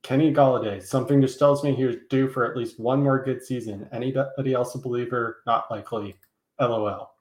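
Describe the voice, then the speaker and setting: A man joins a relaxed sports podcast as a guest, talking frankly and poking fun at his own mistakes. His voice is mid-range for a man. The recording carries a noticeable room echo around him. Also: mid-range voice, brisk. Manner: frank, self-deprecating, talks up strong opinions. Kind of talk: casual fantasy football podcast chat. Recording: echoey room sound.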